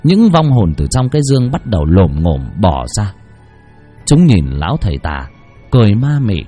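Husky, expressive male horror storyteller. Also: on the low side, moderate pace, faint music behind. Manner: expressive, suspenseful. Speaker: narrator. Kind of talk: dramatic horror story narration.

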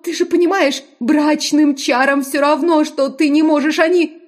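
A woman's voice: high voice, steady tone, normal speed, pitched above the performer's own voice, close to an everyday voice. A woman voicing a terrified young noblewoman who begs tearfully for her life. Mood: pleading. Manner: pleading, tearful and breathless.

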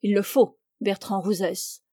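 A young clog-maker, outwardly calm and relentless, pressing his accusation in measured sentences, voiced by a woman reader. The sound is dry and close, with an even middle pitch. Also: slightly rough, dry recording. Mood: accusing.

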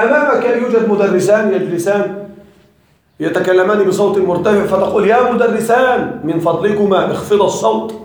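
Male grammar teacher, high voice, lively questioning style, very echoey classroom. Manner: lively, quizzes students with rhetorical questions. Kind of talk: classroom lesson.

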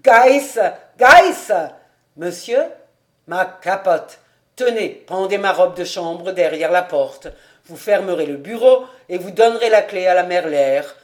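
Reader putting on an exuberant stout tax collector for an audiobook: booming, exclaiming, takes his time. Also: a little slow, a little mellow, lightly acted. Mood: jubilant. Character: jovial stout middle-aged male tax collector. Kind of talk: audiobook character reading.

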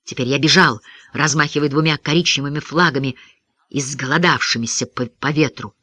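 A man narrating a first-person story as an audiobook reader, expressive and vivid. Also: on the high side, brisk, no room sound.

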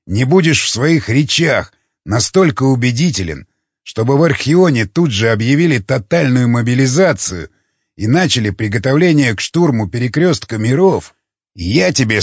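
A man's voice: medium pitch, husky, dry recording, dull audio. A man doing Bronislav, a snarling furious hunter. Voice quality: snarling, threatening, crude. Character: brutal enraged male hunter, father of a kidnapped daughter.

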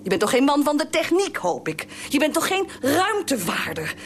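An actress playing a fierce, nagging middle-aged wife who scolds shrilly and repeats herself in a radio drama. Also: female voice, sits high, sing-song, normal speed, a little hiss or hum. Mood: angry scolding.

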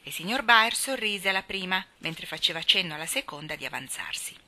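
A woman reading a classic children's novel aloud in expressive storytelling. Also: fairly low pitch, fairly quick. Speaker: audiobook reader.

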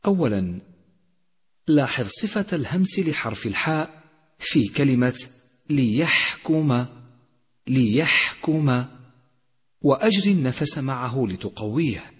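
A man teaching a tajweed lesson on Quran recitation, who draws out and chants the example words slowly. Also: medium pitch, big pitch swings, slightly rough. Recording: long hall reverb.

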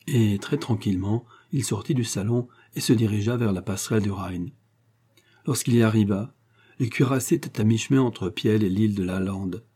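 A man narrating an adventure novel in a measured, steady audiobook reading. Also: lowish voice, breathy edge.

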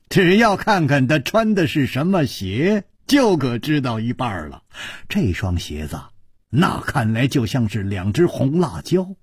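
A man's voice: medium pitch, darkish tone, breathy edge, dry recording, clean studio sound. A man narrating a martial-arts story in a dramatic traditional storytelling style, with asides to the listener. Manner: dramatic, with rhetorical asides and sighs.

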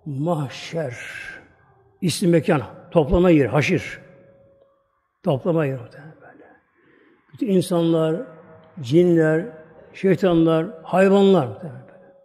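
A man's voice: fairly high pitch, normal speed, long pauses, warm tone. A male preacher delivering a sermon, telling a story dramatically and repeating phrases for emphasis. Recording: long hall reverb.

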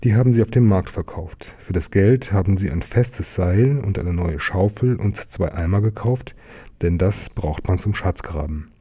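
A man calmly reading a children's picture book aloud. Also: low voice, normal speed, breathy edge. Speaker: storyteller.

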